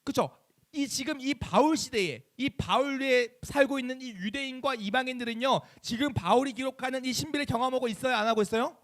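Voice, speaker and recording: A man preaching a youth sermon in a church chapel, animated and keeps asking the audience questions. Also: extremely high pitch, brisk. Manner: animated, asks the audience many questions and acts out quoted voices. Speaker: youth pastor.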